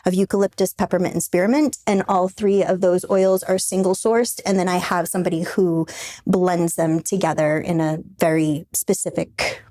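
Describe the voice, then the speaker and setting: A woman's voice: lowish voice, fairly even intonation, moderate pace, dark tone. A woman, a brand founder, talking as a podcast guest in a casual, chatty way, full of fillers and restarts.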